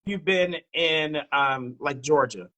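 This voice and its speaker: Male dating-show host, playful teasing banter, high and bright. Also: takes it slowly, low-quality recording. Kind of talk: casual live-stream chat.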